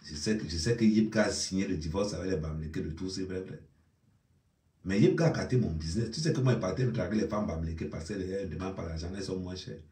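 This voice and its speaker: A man's voice: fast, mellow. Teasing man with a Cameroonian accent. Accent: Cameroonian French. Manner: teasing, mock-consoling, low-key. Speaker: comedic commentator. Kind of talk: mocking live commentary. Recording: roomy echo, distant mic.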